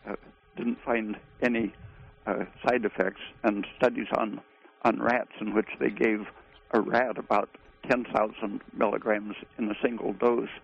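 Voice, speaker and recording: A man speaking as a guest expert on a call-in radio show, halting, with frequent pauses. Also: lowish voice, flat delivery, gravelly. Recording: tinny phone line.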